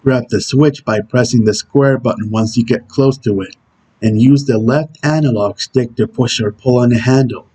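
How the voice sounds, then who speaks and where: Husky, stern, brooding game antihero played by a man, medium pitch, delivering terse tutorial instructions. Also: normal speed, mellow, lightly acted. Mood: stern, instructional. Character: Shadow, brooding male video game antihero giving tutorial hints. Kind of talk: character impression reading game tutorial instructions.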